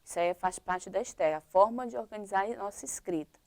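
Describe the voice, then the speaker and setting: A woman's voice: medium pitch, fast talker, a little mellow. A woman teacher with a Brazilian Portuguese accent, explaining a primary-school lesson step by step and checking in with "tá?" and "ok?".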